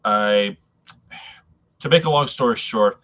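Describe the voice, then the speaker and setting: A man with a congested, nasal sound, as if his nose were packed, talking casually and haltingly to viewers on a live stream. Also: lowish voice, expressive, pushed and bright. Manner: halting, rambling, addressing viewers as folks.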